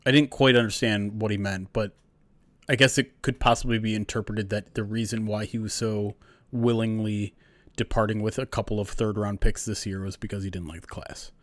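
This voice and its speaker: A man's voice: lowish voice, fairly even intonation, moderate pace, no echo. A man co-hosting a casual sports podcast, talking bluntly and with emphasis. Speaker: podcast co-host.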